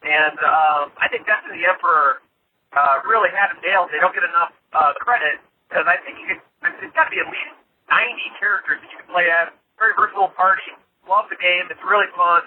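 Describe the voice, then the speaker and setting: A man's voice: sits high, fast, slight background noise. Man on a tinny clipped phone line. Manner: rambling, hesitant with many fillers. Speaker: caller. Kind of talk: voicemail message to a podcast. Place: in a moving car.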